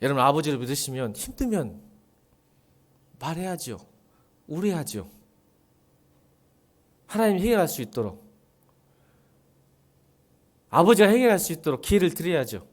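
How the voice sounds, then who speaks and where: Male pastor, fairly high and very animated voice, preaching with rhetorical questions and big soft-to-loud swings. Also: normal speed, long pauses. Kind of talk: sermon.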